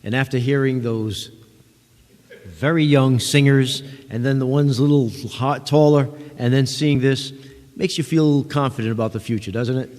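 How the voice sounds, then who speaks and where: A man's voice: mid-range voice, fairly even intonation, unhurried, a little mellow, slight background noise. A man giving gracious formal closing remarks, thanking the audience at a ceremony. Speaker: master of ceremonies. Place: large ceremonial hall. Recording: long hall reverb.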